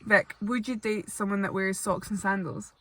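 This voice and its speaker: A woman's voice: medium pitch, steady tone, normal speed, heavy background noise. A young woman, chatting casually and giggling as she hosts a fitness Q&A vlog. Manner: chatty, giggly, self-mocking. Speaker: vlogger. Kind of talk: casual chat.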